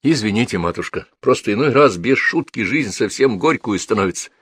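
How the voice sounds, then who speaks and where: A man's voice: on the low side, a little fast, breathy edge, no room sound. A man voicing a playful, self-mocking middle-aged writer who jokes eagerly, in a dry close recording. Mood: joking. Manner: joking, lively.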